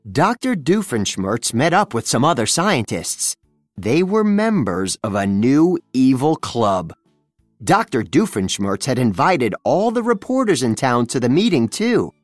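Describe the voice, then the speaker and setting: A narrator reading a children's storybook aloud, with expressive storytelling. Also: medium pitch, no room sound, clean studio sound. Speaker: storybook reader.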